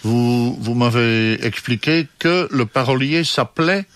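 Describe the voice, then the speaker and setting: Male radio host, mid-pitched, dry close sound, affirming, echoes guest's words. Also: measured pace, fairly bright tone. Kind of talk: radio interview.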